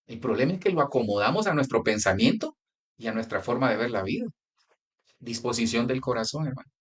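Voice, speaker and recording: Animated conversational pastor, Colombian. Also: male voice, medium pitch, brisk, husky. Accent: Colombian Spanish. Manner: conversational preaching with anecdotes and direct address. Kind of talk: sermon.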